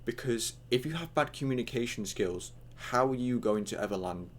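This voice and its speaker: A man's voice: medium pitch, expressive, normal speed, a little hiss or hum. A young man with hiccups giving a casual, rambling online tutorial, full of fillers and acted-out chat lines.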